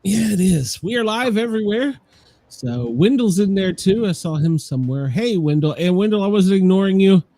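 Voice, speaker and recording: A man's voice: high-pitched, animated, moderate pace, mellow, dry recording. A man hosting a live show in a casual, rambling chat style.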